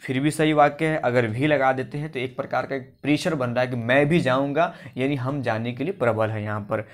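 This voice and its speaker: A brisk man with a medium-pitched voice teaches grammar for exam prep in a coaching class recording. He works through it step by step, frequently posing a question and then answering it himself.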